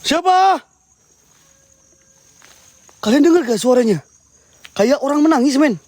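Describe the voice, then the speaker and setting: High-pitched, jumpy man vlogging. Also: a little fast, a little mellow, dry recording. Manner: nervous, jumpy, repeating himself to viewers. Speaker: host of a ghost-hunting vlog. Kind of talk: excited live night exploration commentary. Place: outdoors at night in a rural area.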